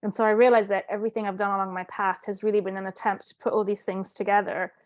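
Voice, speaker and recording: A woman who grew up in Italy appears as a guest on an interview, a life coach recounting her story in an earnest, reflective way. Her mid-range voice has a level tone, she talks fast, and there is no room sound.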